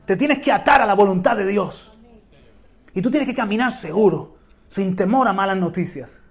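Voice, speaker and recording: An impassioned pastor with a Spain Spanish accent preaching a sermon. His voice sits high for a man, and he keeps rising into loud exclamations. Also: normal speed.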